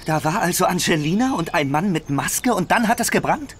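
A man's voice: high voice, animated, fairly quick, slight background noise. A man playing a tense young adventure game hero, with a dramatic, questioning delivery. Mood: probing. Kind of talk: video game voice acting.

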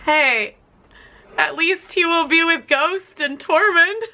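A young woman giving a casual, emotional live reaction, excitable and prone to swearing and exclaiming. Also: extremely high pitch, takes it slowly, background noise. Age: young adult. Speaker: reactor to TV episodes. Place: living room, in front of a playing television. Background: television show music.

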